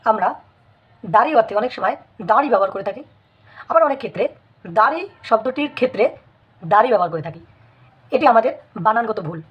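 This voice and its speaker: Husky woman, brisk spelling teacher, muffled lo-fi mic. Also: on the high side. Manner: measured, repeats words for emphasis. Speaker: language teacher. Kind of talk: spelling lesson. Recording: dull lo-fi recording.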